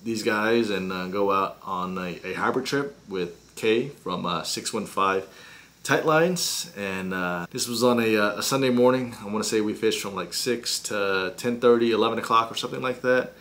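A man in his forties hosting a fishing vlog, with a relaxed, casual way of talking full of "uh" fillers. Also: fairly low pitch, moderate pace. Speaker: fishing vlogger. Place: small indoor studio with shelves of tackle.

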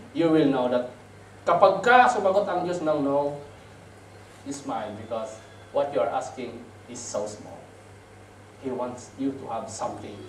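A man preaching with a high, lively, swooping voice that drops to near whispers. He sounds far from the mic in a roomy church hall with faint noise in the background. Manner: animated, swings from loud to hushed. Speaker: pastor. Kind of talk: storytelling sermon, mixing Tagalog and English.

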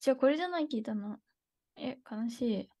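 Chatty young woman teaching, slightly high. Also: animated, a little fast, warm tone, no room sound, clean studio sound. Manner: chatty, thinks aloud, laughs often. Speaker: Japanese teacher. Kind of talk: casual live online lesson.

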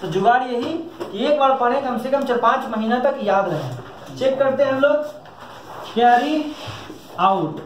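High-voiced man teaching in an echoey classroom. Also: animated, unhurried, pauses often, far from the mic, a little hiss or hum. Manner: jokey, asks checking questions. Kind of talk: classroom lesson.

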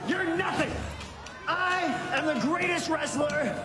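An actor playing an arrogant, sneering male villain wrestler in a period drama, shouting pompous taunts. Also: extremely high pitch, slow pace, heavy background noise. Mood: boastful. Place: wrestling ring in a hall. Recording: distant echoey arena, loud crowd and music.

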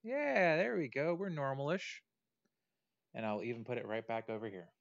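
A man's voice: medium pitch, expressive, moderate pace, gravelly, no echo, lo-fi sound. A man streaming a game, talking casually to viewers, thinking aloud and often correcting himself mid-sentence. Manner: swears casually, talks to viewers. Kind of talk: casual let's play commentary.

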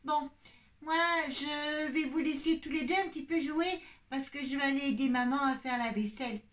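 A woman puppeteer voicing a motherly doll in a children's puppet show, speaking in a calm, soothing tone. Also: sits high, moderate pace, far from the mic, natural voice. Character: motherly doll caring for two bears.

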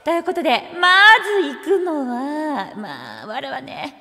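A virtual streamer hosts a karaoke livestream, chatting casually in an archaic, regal manner and playfully greeting viewers one by one. Her high, fairly bright voice swoops wildly in pitch at a slightly slow pace. The audio is reverb-heavy, with music playing behind her.

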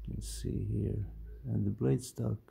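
A man casually showing off his knives, mumbling in a quiet, halting way. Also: lowish voice, fairly even intonation, creaky, husky. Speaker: knife collector vlogger. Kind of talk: casual show-and-tell.

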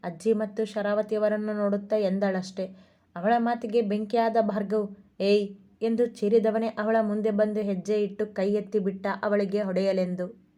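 A woman's voice: mid-range voice, level tone, moderate pace, dark tone. Woman reading a story in a level voice. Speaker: narrator. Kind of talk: scripted story narration.

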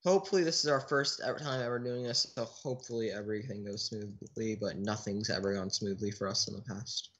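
A man's voice: on the low side, a little fast, few pauses, a bit bright, muffled recording. A man giving casual let's play commentary, chatting in a restless way with a teammate who cannot be heard. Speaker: gaming channel host.

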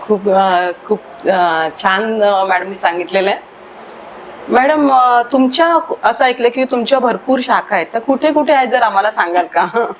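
A woman's voice: mid-range voice, measured pace, a little hiss or hum, low-quality recording. A woman interviewer asking polite, encouraging questions, hesitating with fillers as she speaks. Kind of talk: interview questions with frequent backchannels.

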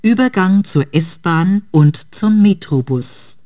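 Female train announcer heard over the intercom. Low-ish voice, very slow and clipped, with muffled lo-fi sound. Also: expressive, mellow. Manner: measured, clipped station calls. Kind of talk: recorded station announcements. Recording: dull lo-fi intercom audio.

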